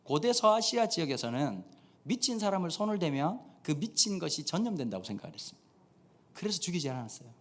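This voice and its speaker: Guy pastor cracking jokes in a sermon, fairly high voice that jumps all over the place. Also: quick pace. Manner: animated storytelling, acts out dialogue. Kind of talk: humorous sermon. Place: church sanctuary.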